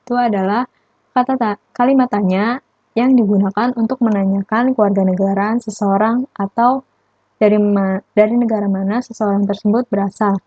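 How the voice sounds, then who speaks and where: Patient woman teacher, husky dull recording. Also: mid-range voice, fairly even intonation, mellow, no echo. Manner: patient, explains step by step, repeats examples slowly. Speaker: Mandarin language teacher. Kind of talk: explanatory classroom lesson.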